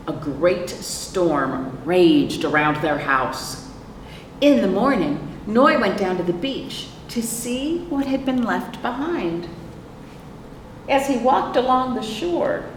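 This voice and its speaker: An American librarian with a fairly high voice hosts children's storytime, reading picture books aloud with lots of expression. She asks her young listeners questions and pauses for their answers. The recording is roomy, echoing and noisy, picked up far from the microphone.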